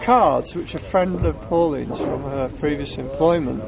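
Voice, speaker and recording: A man's voice: on the high side, a little slow, vocal fry, noisy background. A man with a Northern English accent, a touring cyclist, chatting about his travels and often restarting his sentences. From North of England. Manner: chatty storyteller with frequent restarts. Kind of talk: casual travel chat.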